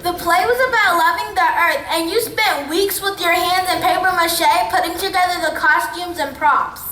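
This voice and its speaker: A young woman narrating a school stage play in an expressive, wry storytelling manner. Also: extremely high pitch, normal speed. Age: young adult. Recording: echoey auditorium from far off.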